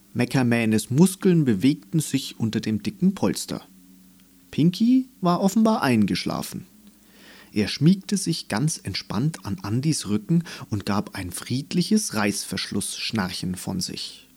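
A man reading a storybook aloud as narrator in a gentle, expressive way. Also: on the low side, breathy edge.

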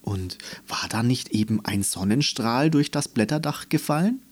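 A man reading a storybook aloud as narrator in a gentle, expressive way. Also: mid-range voice, normal speed, slightly rough.

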